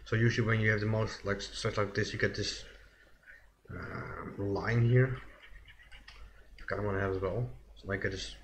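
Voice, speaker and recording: Man, lowish voice, casual live-stream chatter, thinking aloud, faint background noise. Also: moderate pace, long pauses. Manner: relaxed, thinking aloud with many fillers and self-corrections. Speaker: digital sculpting streamer. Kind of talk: casual live-stream commentary while working.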